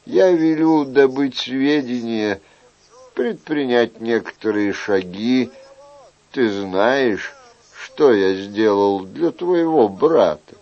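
A man reading an audiobook, voicing a weary, wry middle-aged king in a soft, measured way. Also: medium pitch, lively intonation, highs cut off.

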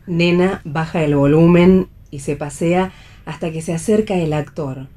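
A woman reading stage directions aloud in a radio theatre reading, flat and measured. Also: low-pitched.

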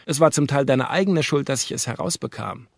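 Ein Mann spielt einen spöttischen Herrn. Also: male voice, medium pitch, fairly quick, gravelly, no echo, studio quality. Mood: wry.

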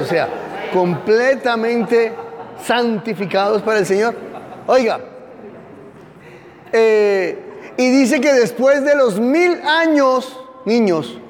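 High-voiced joking male pastor. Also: big-room sound. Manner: sarcastic, playful, quizzes listeners by name. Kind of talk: interactive teaching sermon.

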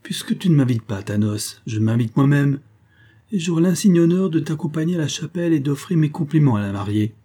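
A man reading an audiobook, voicing a taunting blackmailing swindler in a raised, loud voice. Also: on the high side, expressive, a little fast, voice pushed up. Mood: mocking. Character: mocking blackmailing swindler, male adult.

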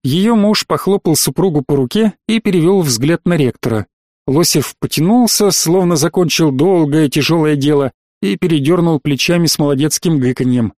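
A male audiobook narrator with a measured, expressive delivery. His voice sits slightly high, and the recording is close and dry. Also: dry recording. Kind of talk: scripted narration.

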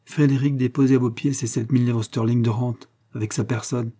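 A man voicing a grave, lovesick colonel in an audiobook, passionate and earnest. His voice is dark and husky, low in brightness, with a mellow warmth. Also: steady tone, brisk, lightly acted. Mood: wistful.

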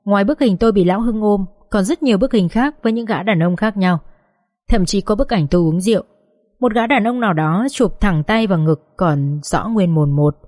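A woman's voice: medium pitch, fairly quick, a little mellow, no echo, studio quality. A woman narrating a dramatic first-person audiobook story in a sorrowful, confessional tone.

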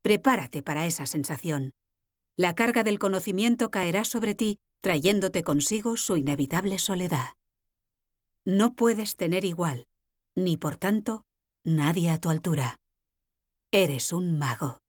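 Low grave woman reader. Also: animated, unhurried, dry recording, studio quality. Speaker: reader of chapter epigraph. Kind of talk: solemn audiobook reading.

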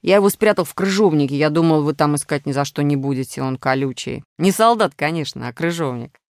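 A woman's voice: sits low, a little fast, no room sound, clean studio sound. A woman voicing a naughty, whiny male minus sign who pleads and wheedles, in an audiobook. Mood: whiny pleading. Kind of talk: audiobook character voice.

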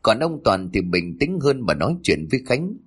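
A man's voice: on the low side, big pitch swings, normal speed, breathy edge. A man narrating a dramatic family story in scripted storytelling.

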